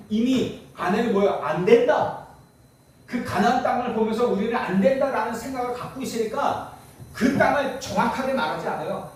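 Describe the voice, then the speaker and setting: A man's voice: high-pitched, warm tone. A man preaching a sermon in a church, emphatic and conversational, firing rhetorical questions at his congregation. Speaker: pastor. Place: church sanctuary. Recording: echoey church hall, distant mic, faint noise.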